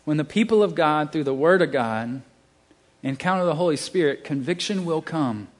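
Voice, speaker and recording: A man's voice: fairly high pitch, expressive, normal speed. A man with a Southern US accent preaching a sermon, emphatic, with casual asides and restarts.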